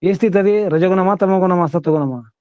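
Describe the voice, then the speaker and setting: Male teacher, upper-middle pitch, emphatic rhetorical style, dry dull recording. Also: fairly quick, no room sound. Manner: asks many rhetorical questions, emphatic. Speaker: spiritual teacher. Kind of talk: discourse with questions to students.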